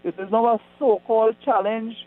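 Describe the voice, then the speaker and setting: A man, calling in to a radio show over a clipped phone line and speaking in an emphatic, deliberate way. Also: high voice, steady tone. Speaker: caller. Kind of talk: call-in radio chat.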